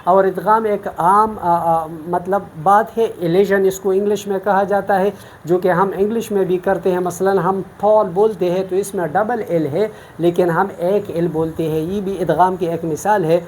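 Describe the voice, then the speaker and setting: A woman's voice: lowish voice, fairly even intonation, a little mellow, a little hiss or hum. A woman from Pakistan teaching Quran recitation in an online lesson, explaining each rule patiently, step by step.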